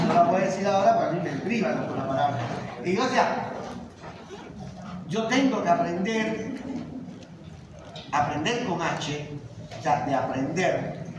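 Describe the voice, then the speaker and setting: A man's voice: high voice, expressive, moderate pace, long pauses, recorded from a distance. A man from Cuba, a teacher giving a classroom lecture, speaking emphatically and firing off rhetorical questions. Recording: very echoey classroom from afar with background noise.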